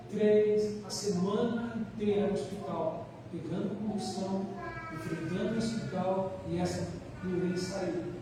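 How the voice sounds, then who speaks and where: A Brazilian man preaching a sermon, telling a personal story in an earnest, animated way with changing volume. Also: high-pitched. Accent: Brazilian Portuguese. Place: church hall. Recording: echoey church hall, mic far off, faint noise.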